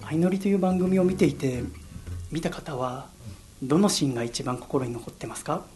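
A man's voice: on the high side, lively intonation, moderate pace, darkish tone, soft background music. Earnest young man hosting a solo radio show. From Yokohama, Japan. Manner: earnest, reflective storytelling. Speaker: radio host.

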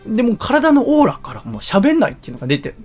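A man's voice: high voice, very fast, over music. A man hosting a radio show, casually telling a long personal story, laughing often and acting out what others said. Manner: animated, laughs often while telling, acts out quoted lines.

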